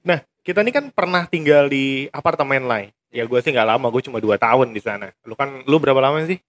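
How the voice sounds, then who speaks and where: A young man co-hosting a casual chat, telling animated stories and laughing often. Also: mid-range voice, brisk. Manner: animated storyteller, laughs a lot. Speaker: podcast co-host.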